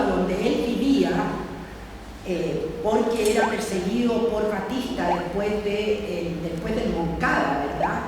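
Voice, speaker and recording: A woman presenting a book at a book fair, talking in a halting way with many fillers and rhetorical asides. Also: mid-range voice. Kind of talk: public talk at a book fair. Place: large hall at a book fair. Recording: echoey hall from far off, background noise.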